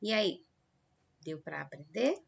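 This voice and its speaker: A Brazilian woman teaching a lesson to children, slow and patient, stretching out example words to show the stressed syllable. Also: on the low side, big pitch swings, vocal fry, breathy edge. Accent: Brazilian Portuguese. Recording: dull lo-fi recording.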